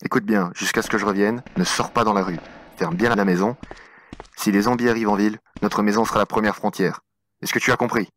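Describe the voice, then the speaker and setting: A man's voice: on the low side, fairly even intonation, fast, fairly bright tone, a little hiss or hum, pitched below the performer's own voice, natural voice. A man playing a desperate, protective father in an audio horror drama, speaking urgently and insistently. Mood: grave, urgent. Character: desperate protective father warning of zombie attack.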